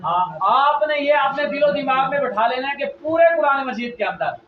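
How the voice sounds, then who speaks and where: A man teaching children to read the Quran, drilling them with repeated questions and loud emphasis, with a Pakistani Urdu accent. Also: very high voice, animated, moderate pace. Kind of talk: classroom lesson to children. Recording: echoey, distant, muffled, noisy room.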